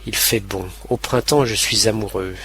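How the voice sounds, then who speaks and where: A man reading scripted narration for language learners, slow and clearly enunciated. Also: on the low side, steady tone, pushed and bright, a little hiss or hum.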